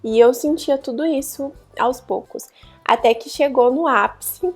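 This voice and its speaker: Young woman, vlogger, personal story to camera, earnest, pauses and restarts, slightly high pitch. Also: breathy edge, soft background music.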